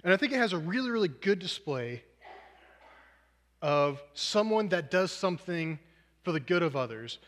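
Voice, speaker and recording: Earnest male preacher with a fairly high voice, self-mocking asides, lingering hall echo. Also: big pitch swings, moderate pace, long pauses, fairly bright tone. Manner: earnest, self-deprecating, uses movie examples. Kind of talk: sermon. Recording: long hall reverb.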